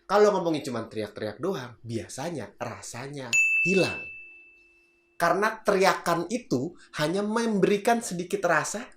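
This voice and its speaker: A man's voice: fairly high pitch, expressive, normal speed, heavy background noise. A man teaching public speaking in a casual, chatty video lesson. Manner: chatty, acts out example voices, laughs at own jokes. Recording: roomy echo.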